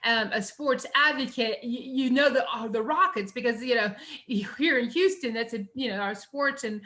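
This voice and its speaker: A woman's voice: fairly high pitch, bright, forceful tone. A middle-aged woman teacher, giving a recorded lecture on essay writing in a chatty way, full of fillers and "you know".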